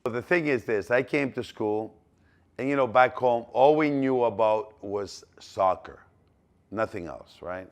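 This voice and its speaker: A man's voice: mid-range voice, unhurried. A man in his sixties from Greece, speaking with a Greek accent, tells a rambling personal story full of fillers and restarts. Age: 60s. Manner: rambling, repeats himself, many fillers and restarts. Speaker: business owner telling his life story.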